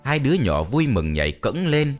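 A man's voice: big pitch swings, moderate pace. A man narrating a ghost story in a dramatic way, with faint music behind. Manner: dramatic, swinging pitch.

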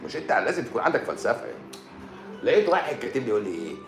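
Egyptian man, doctor on a live stream, sore throat, lively and sarcastic banter, echoey room. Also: medium pitch, rapid-fire, faint music behind. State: sore throat and swollen eye. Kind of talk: casual live-stream chat answering comments.

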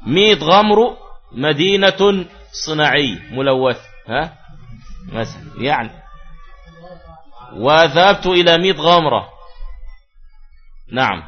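A man's voice: a little high, expressive, slow, pauses often. A man teaching Arabic grammar in a classroom lesson, explaining step by step and answering his own questions. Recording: dull lo-fi recording with faint music.

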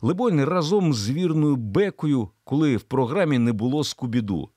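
A man narrating a thriller audiobook in an expressive storytelling delivery. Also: medium pitch, normal speed, no room sound, studio quality.

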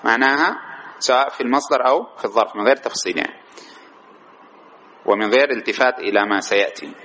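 A man's voice: mid-range voice, fast talker, pushed and bright, slight background noise. Man teaching a grammar class. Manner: calls on students, repeats their answers, stretches key words. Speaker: teacher of Arabic morphology. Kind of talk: classroom lecture with questions to students.

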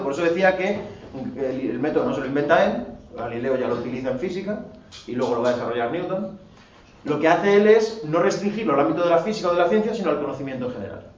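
A man's voice: a little high, echoey room. Man, classroom lecture, rhetorical questions, distant, dull lo-fi recording, faint hiss. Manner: rhetorical questions, emphatic asides. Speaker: philosophy teacher.

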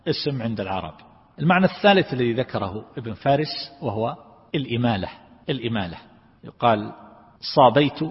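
A man teaching a lesson on Quran commentary, explaining word meanings and repeating key terms. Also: fairly low pitch. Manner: explanatory, repeats key words, asks listeners if clear. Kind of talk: classroom lecture on word meanings. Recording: lo-fi recording with long hall reverb.

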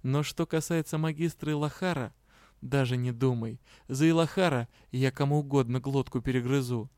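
Male reader as a stern jealous lady curator, smooth voice, dry close sound. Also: medium pitch, moderate pace, a little mellow, dry recording, natural voice. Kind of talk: audiobook character reading.

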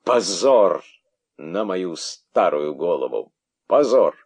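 A man reading aloud as an old, pompous python king who declaims his outrage loudly and theatrically. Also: sits high, extremely slow, clear, resonant tone, voice pushed up. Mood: indignant ranting.

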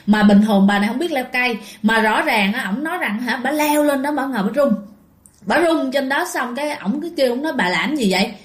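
A woman with a Southern Vietnamese accent telling ghost stories to listeners in a lively, animated way. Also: high-pitched, fairly quick. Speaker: ghost story narrator. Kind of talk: storytelling to listeners. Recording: echoey room.

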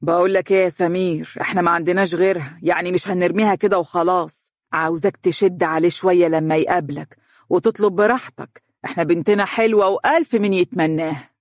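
A man voicing an insistent, sharp-tongued middle-aged mother with an Egyptian accent. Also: on the low side, steady tone, fast talker, no room sound, studio quality, close to an everyday voice. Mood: bossy. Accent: Egyptian Arabic.

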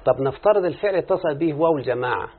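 A man's voice: on the high side, animated, racing, breathy edge. A man with an Egyptian Arabic accent teaching a grammar lesson, explaining with examples and often checking that the listener follows. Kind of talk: classroom lesson. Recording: phone-like muffled lecture recording.

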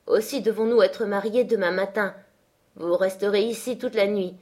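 A woman's voice: medium pitch, steady tone, moderate pace, a little mellow, natural voice. A woman doing a sickly, whining young man. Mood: petulant.

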